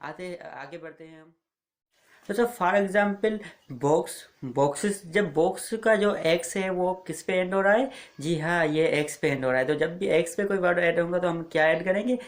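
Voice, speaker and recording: A man's voice: sits high, normal speed. A man teaching spelling rules in a spoken lesson, repeating each rule and asking and answering his own questions. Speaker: English teacher.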